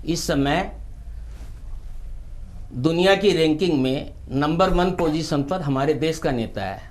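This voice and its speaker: A man reciting humorous poetry, telling the story in an unhurried way with comic timing. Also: fairly high pitch, animated. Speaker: poet.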